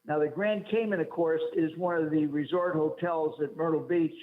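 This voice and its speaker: Jokey high-voiced male caller, cave echo over a tinny phone line. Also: steady tone, normal speed. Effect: hollow cave-like echo on the call. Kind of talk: call-in talk radio.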